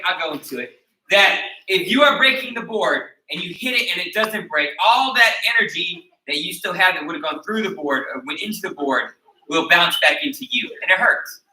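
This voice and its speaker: This taekwondo instructor is an American male whose voice is very high and bright, his delivery a little fast with lively intonation. Recorded from afar in an echoey hall, he leads the martial arts class by asking questions and checking with an "okay?" after every point.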